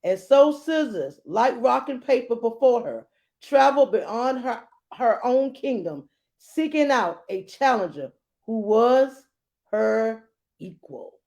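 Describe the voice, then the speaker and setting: A woman reads a children's storybook aloud dramatically, tossing in playful asides. Her fairly high, darkish voice is animated, and she takes her time.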